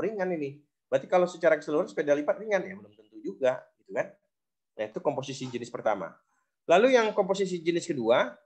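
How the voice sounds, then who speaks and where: Man lecturing, slightly high, lo-fi. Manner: explanatory, many fillers like "nah" and "gitu". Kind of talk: recorded lecture on logic. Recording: dull lo-fi recording.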